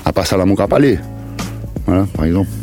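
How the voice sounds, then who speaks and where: Over music, a man in his fifties from the Paris suburbs talks fast and animatedly in a low voice. He's a musician guest in a casual interview, rambling in slang with bits of Creole.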